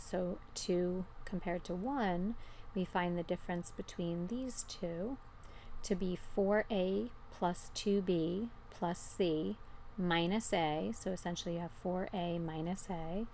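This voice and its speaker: A woman's voice: fairly low pitch, darkish tone, slight background noise. A woman teacher giving an informal, step-by-step explanation in a recorded math lesson.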